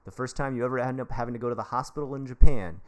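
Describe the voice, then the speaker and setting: An American English teacher hosts a livestream, giving casual advice directly to his viewers in a rambling, jokey, chummy style. His voice is medium-pitched and rapid-fire.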